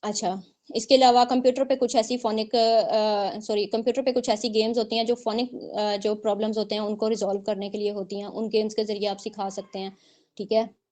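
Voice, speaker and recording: A woman delivers an online exam-prep lecture in a flat, brisk manner, her medium-pitched voice a little mellow. She explains and repeats points, often pausing to check on students with "theek hai."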